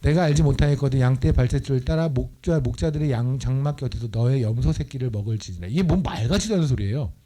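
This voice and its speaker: A male missionary preaching a lively Bible study sermon in a church, playful and teasing, acting out voices as he explains scripture. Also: medium pitch, fast talker, hardly any pauses.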